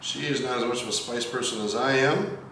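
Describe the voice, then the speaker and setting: A man's voice: mid-range voice, steady tone, a little fast, vocal fry. A man chatting casually to the camera as he plates food at home, playful and teasing. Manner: playful, teasing, talks to camera while plating. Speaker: home cook co-host. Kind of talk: casual cooking vlog chat. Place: home kitchen. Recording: very echoey room from far off with noise.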